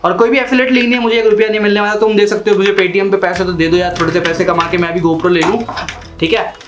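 A man's voice: high-pitched, fairly even intonation, quick pace, noisy background. A young man in a casual how-to vlog, chatting and repeating himself as he works with his hands at a desk in a small room. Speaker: vlogger.

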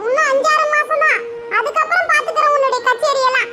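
A woman playing a sharp-tongued middle-aged mother-in-law in a homemade family skit. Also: very high voice, fairly even intonation, quick pace, over music. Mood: teasing. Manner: scolding, teasing. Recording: loud background noise.

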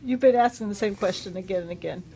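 A woman's voice: mid-range voice, quick pace, warm tone, low-quality recording. A woman chatting casually in an amused, reassuring way, explaining things simply to a patient. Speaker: companion of a patient. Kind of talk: casual chat. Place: small curtained recovery room indoors. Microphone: handheld phone.

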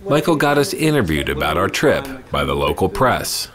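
A man narrating a road-trip documentary as its host, telling the story in a plain, steady way. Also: deep voice, moderate pace, crowd noise. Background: loud music.

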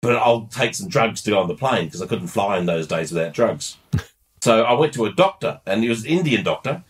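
A middle-aged man telling a story on a podcast in a casual, animated way, laughing and restarting often. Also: fairly low pitch, fairly quick. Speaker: podcast co-host.

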